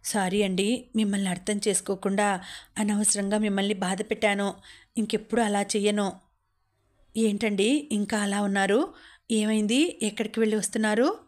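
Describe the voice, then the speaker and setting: Woman reading as a gentle, soothing young wife. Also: mid-range voice, fairly even intonation, moderate pace, lightly acted. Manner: soothing, pleading.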